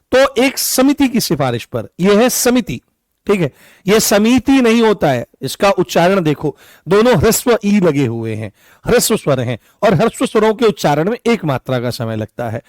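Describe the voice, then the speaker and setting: A man's voice: high voice, very animated, moderate pace, dry recording. A man teaching an online exam-prep class, coughing, often turning key points into questions for his students. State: coughing, hoarse. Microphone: own mic.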